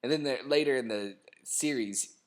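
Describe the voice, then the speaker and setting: A man's voice: medium pitch, normal speed. Joking young man chatting a show over. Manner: joking, does mock impressions. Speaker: podcast co-host. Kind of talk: casual commentary chat.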